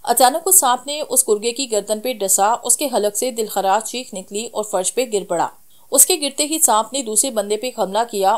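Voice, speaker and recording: Woman reading a horror story. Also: on the high side.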